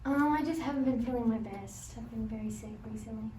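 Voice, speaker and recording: A woman's voice: a little high, brisk, warm tone, lightly acted. A woman playing a subdued, unwell patient who answers briefly and hesitantly in a role-played consultation. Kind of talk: amateur role-play of a medical consultation. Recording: echoey room, distant mic, faint noise.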